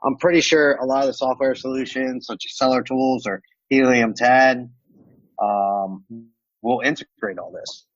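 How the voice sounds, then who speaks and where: Unhurried and medium-pitched, this man keeps a fairly even intonation; the recording has no room sound and its highs are cut off. He speaks with an American-Romanian accent mix. As a podcast guest expert demonstrating software, he explains the screen loosely and casually, full of "like" and "um."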